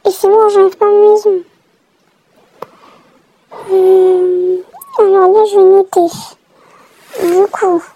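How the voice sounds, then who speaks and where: A woman's voice: very high voice, level tone, takes it slowly, pauses often, dark tone, rough recording. A woman giving chatty, exasperated running commentary while she plays a game. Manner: chatty, reacting aloud, exasperated. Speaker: gamer narrating her play.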